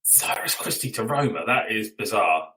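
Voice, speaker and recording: Man, podcast host, bright tone, blunt and chatty, drops the odd swear. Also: fairly low pitch, expressive, moderate pace, low-quality recording. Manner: blunt, swears casually, steers the discussion with questions. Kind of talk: casual fan podcast chat.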